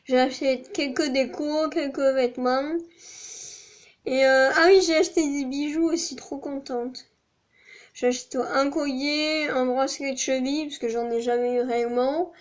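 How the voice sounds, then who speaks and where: Young woman, high voice, meandering vlog chat full of hesitations. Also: steady tone, moderate pace. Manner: rambling, many fillers and restarts. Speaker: vlogger. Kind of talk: casual chat to camera.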